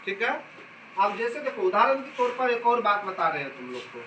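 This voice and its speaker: A man teaching a class in a high, bright voice, checking often that the students follow. He sounds far from the mic in an echoey classroom, with faint background noise. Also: sing-song. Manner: explains slowly with repeated questions to the class. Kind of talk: classroom lesson. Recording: echoey room, from a distance.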